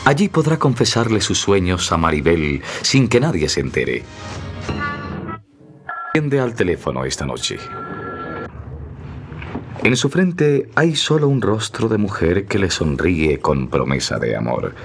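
Solemn melodrama narrator, very low voice, lively intonation, emotive scripted delivery. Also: male voice, measured pace, long pauses, faint music behind, heavily acted. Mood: solemn, tender. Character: solemn, emotive male storyteller of a romantic melodrama.

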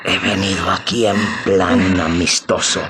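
A gloating masked villain. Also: male voice, level tone, heavy background noise. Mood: menacing. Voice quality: deep taunting voice with sneering laughs. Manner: slow, gloating, by turns soft and loud. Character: menacing masked male intruder, mocking villain. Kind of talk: 1960s radio drama acting.

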